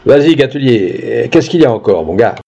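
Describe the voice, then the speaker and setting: A man's voice: mid-range voice, expressive, normal speed, gravelly, mellow, husky, highs cut off. A man doing a brusque country judge. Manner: brusque, curt. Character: gruff, impatient country justice of the peace.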